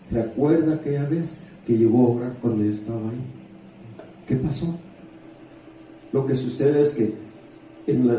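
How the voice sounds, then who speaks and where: In a church hall with heavy echo, captured from a distant mic with faint noise, a man delivers a sermon built around stories. His voice is medium in pitch and dark in tone. He often repeats phrases for emphasis and throws rhetorical questions at the congregation.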